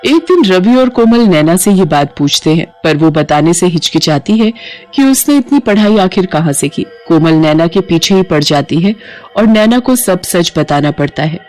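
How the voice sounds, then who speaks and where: A woman giving scripted narration for a cartoon ghost story in an even, storytelling manner. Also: on the low side, normal speed, soft background music.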